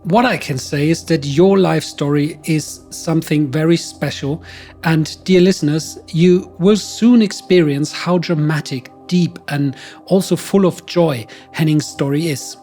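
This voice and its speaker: An earnest man with a German accent hosts a podcast interview, speaking in a slightly higher voice. He praises and questions his guest warmly and at length. Faint music sits under his voice. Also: measured pace. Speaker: podcast host.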